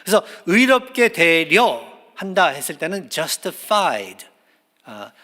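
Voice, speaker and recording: A male pastor preaching a sermon in earnest, hesitant speech, filling pauses with drawn-out "ah" and "uh" and repeating key phrases for emphasis. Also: on the high side, big pitch swings, pushed and bright. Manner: hesitant, with many drawn-out "ah" and "uh" fillers. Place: church sanctuary. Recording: long church hall reverb.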